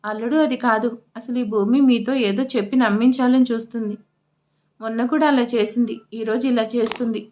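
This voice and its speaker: A bossy, crude old grandmother, played by a woman narrator in an audio storybook. She snaps and scolds in coarse, quick retorts, her voice sitting a little on the high side. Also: fairly even intonation, darkish tone, close to an everyday voice. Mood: scolding.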